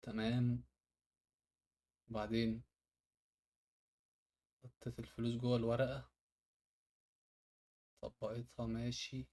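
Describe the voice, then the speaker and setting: A man's voice: mid-range voice, level tone, takes it slowly, long pauses, warm tone. A man from Egypt with an Egyptian accent, reacting to home-hack videos in casual commentary and often exclaiming at the tricks. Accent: Egyptian Arabic.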